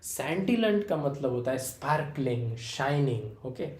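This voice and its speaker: A man's voice: medium pitch, lively intonation, a little slow, a little mellow. Indian man teaching vocab in an echoey room. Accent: Marathi-influenced Indian. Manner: explains with repeated fillers like "okay" and "है ना"; addresses students fondly as "बेटा". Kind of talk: Hindi-English vocabulary lesson.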